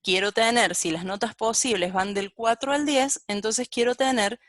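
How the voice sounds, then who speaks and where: A woman's voice: on the high side, normal speed, fairly bright tone, dry recording, clean studio sound. A woman giving a live-coding programming lecture and thinking aloud as she types and corrects herself. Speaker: programming teacher.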